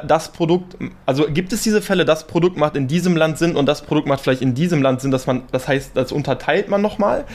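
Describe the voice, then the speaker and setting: Rambling podcast host, slightly higher voice. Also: male voice. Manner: thinks aloud in long rambling follow-up questions. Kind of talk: casual interview talk.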